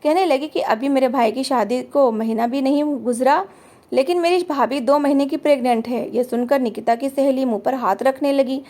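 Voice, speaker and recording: A woman reading a family drama aloud as a storyteller, in steady scripted narration. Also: high-pitched, normal speed.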